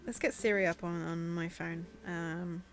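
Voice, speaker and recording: A woman's voice: on the low side, fairly even intonation, unhurried, faint music behind. Young british woman, chatty n giggly, casual gaming chat. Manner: giggly and chatty, laughs often. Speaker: gaming channel co-host.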